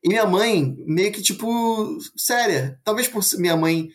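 A man telling a true ghost story as a podcast guest, in a casual, animated way, full of fillers and acting out his parents' voices. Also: high voice, a little slow. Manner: frequent fillers like 'tipo' and 'assim'.

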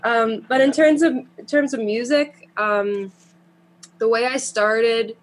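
A young woman from Canada, a singer chatting as a guest in an interview, talkative and quick to laugh. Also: on the high side, steady tone, a little hiss or hum. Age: young adult. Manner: chatty, laughs often, trails off. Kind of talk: casual interview chat.

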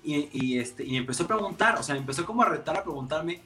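A man with a Mexican accent, a makeup artist telling stories in a casual, lively interview. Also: a little high, fast, soft background music. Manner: animated, expressive, many fillers.

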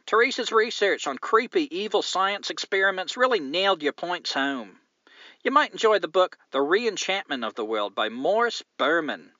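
A man's voice: high-pitched, big pitch swings, normal speed, sharp tone, no room sound, muffled recording, voice pushed up, exaggerated voice. A man voicing a woman listener from New Zealand in a put-on mock Australian accent, reading her letter aloud. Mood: opinionated.

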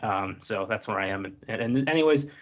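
A man's voice: on the low side, lively intonation, a little fast, highs cut off, slight background noise. Rambling man breaking down a quarterback. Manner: rambling, hedging, many fillers. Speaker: co-host analyst. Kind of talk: casual sports talk.

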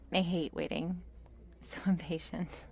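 Woman playing a meek, creaky-voiced shy cheerleader, whispered role-play. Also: lowish voice, fairly even intonation, a little hiss or hum. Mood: hesitant, relieved. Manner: meek, nervous, halting, self-deprecating and apologetic. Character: shy, meek cheerleader girl confessing a crush.

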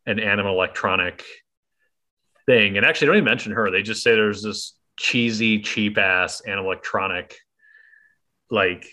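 A man's voice: fairly low pitch, normal speed, pushed and bright. A man in casual chat about a film, wry and profane, breaking in with asides. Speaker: podcast co-host.

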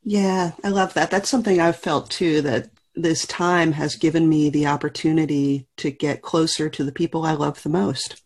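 Woman podcast host, kinda husky voice, friendly questions. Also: low-pitched, steady tone, moderate pace, hardly any pauses. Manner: warm, scripted introduction then friendly questions. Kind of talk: podcast interview.

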